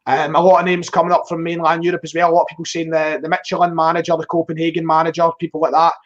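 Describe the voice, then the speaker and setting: Racing along in a monotone, a man with a highish voice and a thick Glaswegian accent rambles casually about football as a live-stream guest. He tends to repeat words when starting a thought. The recording sounds dull.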